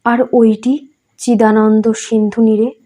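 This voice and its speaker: A woman voicing an elderly male saint who talks gently and playfully, in a storybook reading. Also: fairly high pitch, flat delivery, takes it slowly. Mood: gentle.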